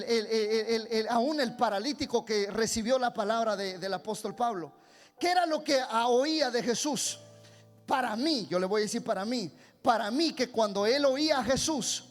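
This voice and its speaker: A male pastor preaching fervently, swinging from hushed asides to loud shouts and often repeating words as he builds. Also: extremely high pitch. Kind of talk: sermon.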